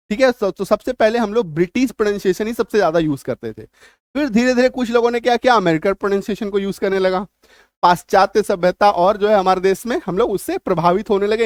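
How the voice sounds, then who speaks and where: A man's voice: high voice, dry recording, studio quality. A man teaching an English spelling lesson, explaining with everyday examples and checking often that his students follow.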